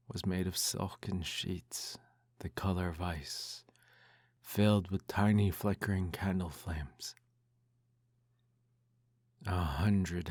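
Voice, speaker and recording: Very deep, slow, intimately soft-spoken man, ASMR role-play. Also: no room sound, clean studio sound. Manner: soft intimate delivery, breaking into speaks softly. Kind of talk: ASMR role-play, reading a bedtime story aloud.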